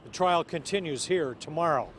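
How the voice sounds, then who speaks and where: A man's voice: on the high side, moderate pace, fairly bright tone. An American man reporting live for television news from outdoors downtown. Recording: faint outdoor street noise.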